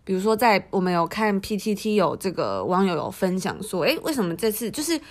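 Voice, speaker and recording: A woman's voice: mid-range voice, big pitch swings, fairly quick. A woman podcast co-host with a Taiwanese Mandarin accent, discussing news casually and conversationally.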